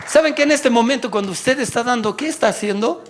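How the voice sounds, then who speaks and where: A male pastor preaching a sermon in church, animated, swinging from loud exhortation to quiet asides. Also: extremely high pitch, quick pace, crowd noise, background noise.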